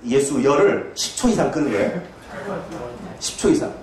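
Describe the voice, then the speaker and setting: A male pastor preaching a sermon, shouting out dramatic reenactments and urging the congregation to join in. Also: fairly high pitch, expressive, normal speed, very echoey, far from the mic, a loud crowd.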